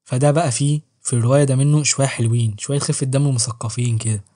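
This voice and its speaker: A man's voice: mid-range voice, fairly even intonation, very fast, dark tone. A man with an Egyptian Arabic accent reviewing a novel in a joking, slangy, self-mocking way. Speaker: book reviewer and channel host. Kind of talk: casual book review vlog.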